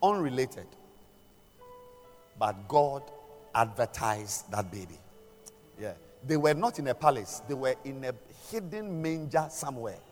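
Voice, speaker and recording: Slow, deliberate older preacher in echoing hall. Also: male voice, medium pitch, lively intonation, darkish tone. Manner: deliberate, pausing, repeats phrases for emphasis. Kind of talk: sermon. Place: large church hall during a service. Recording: long echoing hall reverb, music behind.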